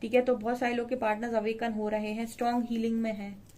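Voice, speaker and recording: A woman's voice: a little high, little pitch movement, fast, dark tone. Woman giving a tarot reading. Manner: conversational, explaining card meanings to viewers. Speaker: tarot reader.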